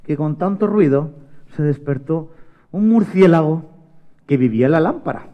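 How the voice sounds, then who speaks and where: Playful children's magician. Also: male voice, fairly high pitch, lively intonation, moderate pace, lo-fi sound. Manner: coaxing, playful, talks to a child volunteer. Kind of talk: live children's show.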